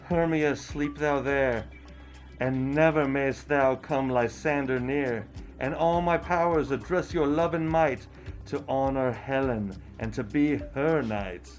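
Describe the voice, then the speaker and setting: A man's voice: mid-range voice, slow, faint music behind, natural voice. A man playing a young lover speaking verse. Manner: declaiming verse. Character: Oberon then Lysander, young nobleman. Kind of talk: amateur home Shakespeare performance.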